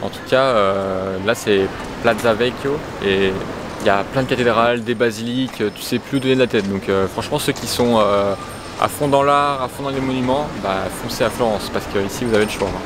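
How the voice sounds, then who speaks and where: A young man with a medium-pitched voice talks a little fast in a travel vlog from a city square. He's relaxed and jokey but hesitates often, and street noise can be heard behind him.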